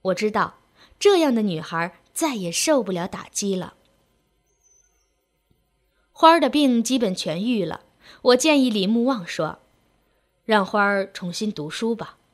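A woman's voice: a little high, lively intonation, measured pace, pauses often. A woman reading a sentimental story aloud in an emotive storytelling manner.

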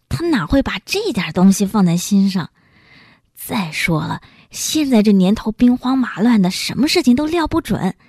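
A woman's voice: medium pitch, darkish tone, dry recording, clean studio sound. A woman voicing a scheming middle-aged man who talks in a sly, coaxing way.

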